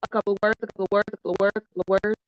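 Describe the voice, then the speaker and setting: A woman's voice: medium pitch, flat delivery, very fast, dry recording. A woman calling in to a livestream for a casual chat, her call audio breaking up and crackling. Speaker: caller on a livestream. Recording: dull lo-fi call audio, dry, faint music behind.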